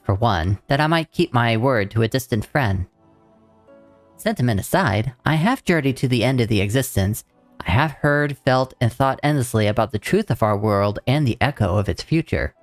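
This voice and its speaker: A man voicing a calm, determined female sorceress scholar in a measured, formal way. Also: mid-range voice, no room sound, close to an everyday voice. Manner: measured, formal reading of game dialogue.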